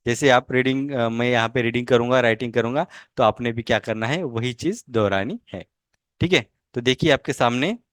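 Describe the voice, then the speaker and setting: A man's voice: medium pitch, no room sound, studio quality. A man teaching an online language lesson, patiently explaining and repeating each word several times for learners to copy.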